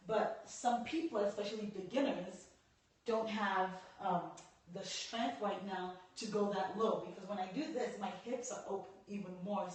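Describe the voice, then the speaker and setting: A yoga teacher with a medium-pitched voice, hoarse from a cold, streams a live lesson, talking through poses as she demonstrates and pausing to welcome viewers. The camera is placed back across an echoey room, leaving her voice distant.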